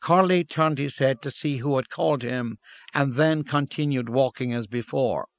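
A man's voice: mid-range voice, no room sound. Man reading a story, dry close sound. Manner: measured, steady reading. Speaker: narrator. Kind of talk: scripted story narration.

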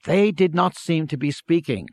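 A man narrating a story in a measured, steady reading. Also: fairly high pitch, dry recording, studio quality.

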